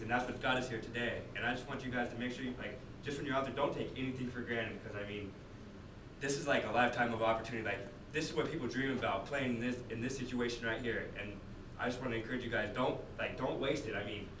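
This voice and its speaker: A man in his early twenties, a college basketball player giving an earnest, rambling pep talk full of fillers, recorded by a camera in a locker room. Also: medium pitch. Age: early 20s. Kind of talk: impromptu pre-game pep talk. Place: small team locker room. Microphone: handheld camera a few steps away. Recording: echoey distant camera mic, noisy.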